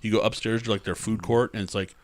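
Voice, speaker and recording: A man's voice: fairly low pitch, level tone, quick pace, no echo. A man hosting a casual podcast chat among drinking friends, rambling through a story and laughing at it. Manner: rambling storyteller, laughs at his own tales. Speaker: podcast host.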